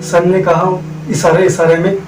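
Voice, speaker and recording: Male motivational speaker, high-pitched voice, dramatic storytelling with rhetorical questions, roomy distant recording with noise behind. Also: level tone, unhurried. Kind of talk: personal storytelling.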